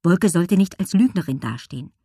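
A woman reading a children's audiobook aloud with lively storytelling. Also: on the low side, brisk, slightly rough, no room sound, studio quality. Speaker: audiobook reader. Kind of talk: scripted narration.

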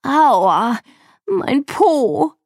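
A woman's voice: high-pitched, big pitch swings, drawn-out words, vocal fry, no echo, clean studio sound, pitched above the performer's own voice, full character voice. Woman doing a cheerful mother in a storybook. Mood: whimpering. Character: cheerful, unflappable mother of four.

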